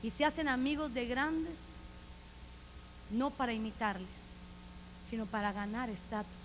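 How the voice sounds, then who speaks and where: A woman pastor preaching a sermon, swinging from quiet asides to loud impassioned passages and acting out the voices of church members. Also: a little high, a little slow, a little hiss or hum, rough recording. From Honduras.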